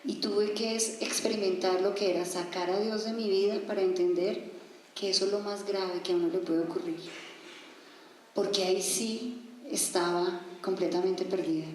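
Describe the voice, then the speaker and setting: A woman's voice: medium pitch, steady tone, normal speed, darkish tone, slight background noise. A woman giving an earnest, emotional religious testimony. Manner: earnest, rising to pleading cries when reliving moments. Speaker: testimony speaker. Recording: very echoey room with faint music.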